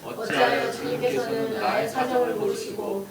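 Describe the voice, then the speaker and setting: A woman's voice: on the high side, level tone, normal speed, vocal fry, slightly rough. A woman in the congregation reading a scripture passage aloud.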